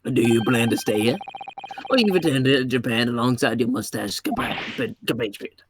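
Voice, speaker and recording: A woman's voice: extremely low pitch, moderate pace, a crowd in the background. A woman voicing a polite, formal young lady assistant with a pointed manner, reading a visual novel game aloud. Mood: politely probing. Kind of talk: amateur voice-over read of a visual novel game. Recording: music behind the voice.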